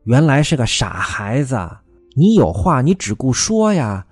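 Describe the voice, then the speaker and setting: A kindly household mistress, as a male storyteller puts her on, speaking in a soft, calming manner. The recording is close and dry, with a hint of music. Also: mid-range voice, unhurried, breathy edge, no echo. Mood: soothing. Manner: soft, soothing. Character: gentle older mistress of a household.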